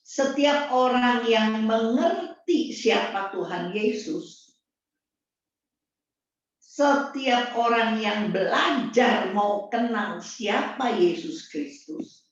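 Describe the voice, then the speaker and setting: A middle-aged woman preaching a sermon, blunt and emphatic, repeating her key phrases. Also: mid-range voice. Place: church hall. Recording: distant, dull, very echoey room.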